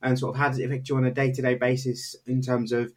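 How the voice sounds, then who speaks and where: A young man hosts a podcast in a casual, conversational way. His voice sits at a middling pitch and sounds nasal and stuffed up with a cold. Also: monotone, fast talker, darkish tone. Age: young adult. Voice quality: nasal, congested voice. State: has a head cold. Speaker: podcast host.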